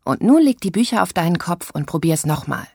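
A woman's voice: lowish voice, fairly quick, gravelly, husky, no room sound, clean studio sound, heavily acted. A woman voicing a bossy, eager young girl who coaches her friend through a scene. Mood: coaching. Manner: coaching, insistent, animated.

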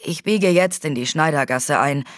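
A woman's voice: low-pitched, moderate pace, no room sound, clean studio sound, natural voice. A woman putting on a growling, grumpy male secret agent with a head cold. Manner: growling, grumbling.

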